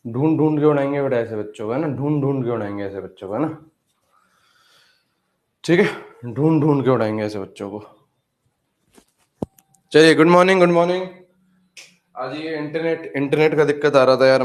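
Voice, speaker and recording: A man's voice: mid-range voice, darkish tone. A man teaching chemistry in an online class, repeating phrases over and over and scolding the students playfully. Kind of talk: live online class lecture.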